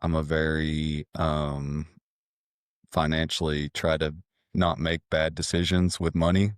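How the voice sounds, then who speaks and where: A man's voice: very deep voice, level tone, a little slow, clean tone, no room sound, clean studio sound. A man in his thirties, a real estate agent, telling his story candidly with frequent hesitations. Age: 30s. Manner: candid, hesitant with many ums. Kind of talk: casual interview.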